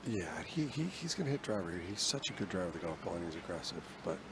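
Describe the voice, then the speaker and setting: A man's voice: deep voice, big pitch swings, quick pace, noisy background. A man giving conversational golf commentary as an analyst, explaining things as he goes.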